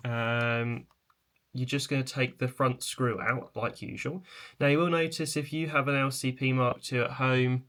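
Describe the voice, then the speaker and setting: Casting: male video presenter, mid-pitched, informal and tentative, walking viewers through a hands-on tutorial; chair creaks as he works. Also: pushed and bright.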